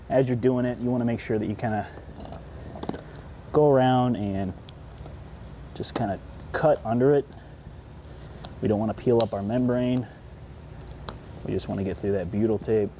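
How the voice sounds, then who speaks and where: Working with his hands on a large indoor workshop floor, this man in his thirties walks through a casual how-to as a product installation presenter. His dark, mid-range voice moves at a moderate pace with frequent pauses, over slight background noise.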